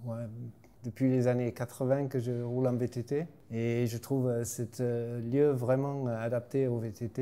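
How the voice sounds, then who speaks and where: Hesitant older man, smooth dark voice. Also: mid-range voice. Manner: hesitant, many fillers. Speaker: interviewee, trail builder. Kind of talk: casual interview.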